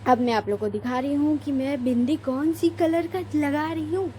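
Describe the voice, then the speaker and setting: Chatting through a get-ready-with-me vlog in her bedroom, this young woman wanders off-topic and keeps correcting herself mid-sentence in a homely manner. Her high-pitched voice moves at normal speed, and the low-quality audio has a little hiss or hum, plus a child crying and shouting nearby.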